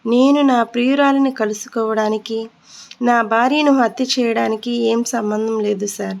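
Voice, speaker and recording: A woman voicing a young male prisoner on death row who answers quietly and with resignation. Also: on the high side, fairly even intonation, moderate pace, gravelly. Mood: resigned.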